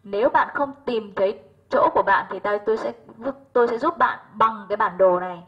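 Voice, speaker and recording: A patient woman teacher whose first language is Vietnamese walks through an English exam question by question, stopping often to ask if her students follow. Her voice is slightly husky and sits at a middle pitch. The recording is dull and lo-fi. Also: a little fast. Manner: patient, checks understanding with frequent "right?". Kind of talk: exam answer walkthrough.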